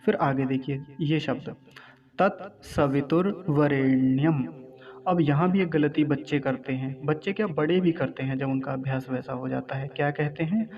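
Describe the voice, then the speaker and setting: A man's voice: fairly high pitch, moderate pace, creaky, few pauses, lo-fi sound. A man teaching the correct pronunciation of Sanskrit verses, drawing out each syllable and asking his class questions as he goes. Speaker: Vedic recitation teacher. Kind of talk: pronunciation lesson.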